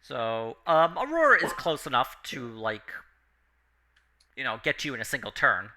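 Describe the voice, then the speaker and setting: A man's voice: medium pitch, sing-song, moderate pace, noisy background. A man running a tabletop game as game master, narrating and asking players for moves.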